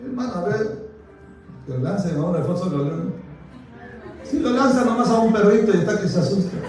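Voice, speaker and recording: Male pastor, emphatic repetitive sermon style with jokey asides, high voice, distant mic, heavy room echo. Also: animated, moderate pace, a little mellow, faint music behind. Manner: emphatic preaching, repeats phrases, playful asides. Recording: echoey church hall from far off.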